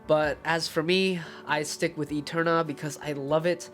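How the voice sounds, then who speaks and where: A man's voice: a little high, fairly even intonation, normal speed, a bit bright, faint music behind. Congested, blocked-nose man reviewing gear. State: congested with a cold, muffled blocked-nose hollow sound. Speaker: host, camera reviewer. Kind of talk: scripted casual video review narration.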